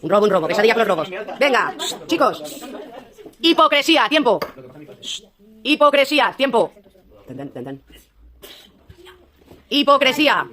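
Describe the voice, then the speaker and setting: A woman teacher, playfully hosting a classroom spelling contest with teasing remarks and brisk countdowns. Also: fairly high pitch, big pitch swings, fairly bright tone. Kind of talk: hosting a classroom quiz game. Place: school classroom. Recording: classroom with student chatter. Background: noisy students.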